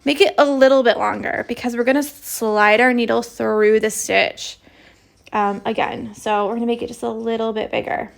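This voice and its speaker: Chatty woman with a fry-edged voice. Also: on the high side, fairly even intonation, moderate pace. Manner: chatty, lots of "like" fillers. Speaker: embroidery teacher. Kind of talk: casual livestream stitching lesson.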